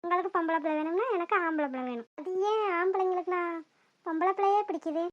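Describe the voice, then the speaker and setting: Shy teasing young cartoon wife, very high squeaky voice, soft-spoken, dull dry recording. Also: female voice, quick pace.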